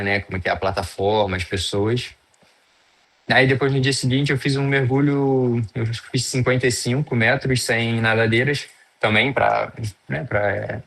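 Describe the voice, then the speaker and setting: A man's voice: lowish voice, a bit bright. A man with a Brazilian Portuguese accent, a guest in a casual interview, talking in a loose, hesitant way with many fillers and restarts. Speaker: guest, freediver.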